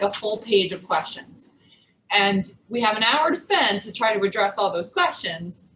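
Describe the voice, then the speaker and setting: A woman nutrition coach in a casual cooking demo, chatty and quick to laugh, with lots of "like" in her talk. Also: medium pitch, pushed and bright, a little hiss or hum. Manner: chatty, laughs often, says "like" a lot. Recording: echoey room.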